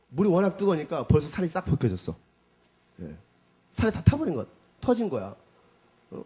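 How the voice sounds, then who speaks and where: A man's voice: high voice, slightly rough. A middle-aged man, a pastor, telling a personal story in a sermon and acting out the voices and cries of the people in it. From South Korea. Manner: animated storyteller, acts out cries and quotes.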